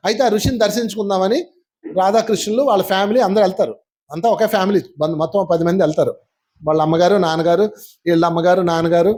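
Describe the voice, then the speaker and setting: A man giving a spiritual class, telling stories in a lively way and putting questions to his audience. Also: high voice. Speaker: spiritual teacher.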